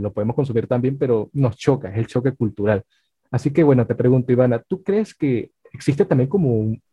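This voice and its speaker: A man's voice: medium pitch, breathy edge, no room sound. A man hosting an interview, asking long, rambling questions full of fillers. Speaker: interview host. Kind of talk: casual interview talk. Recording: dry dull sound, faint music.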